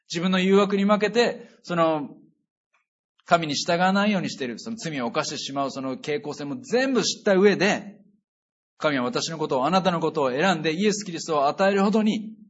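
A pastor preaching a sermon in a conversational, earnest way, with emphatic sentence endings. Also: male voice, fairly high pitch. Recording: dull lo-fi recording.

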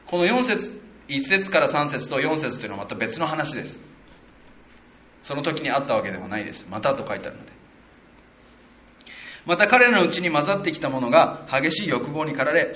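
A man preaching a conversational sermon as a pastor, working through a Bible passage verse by verse and acting out quotes with animated shifts in voice. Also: roomy sound. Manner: animated, acts out quotes of the people with shifts of pitch; conversational, with self-corrections and fillers.

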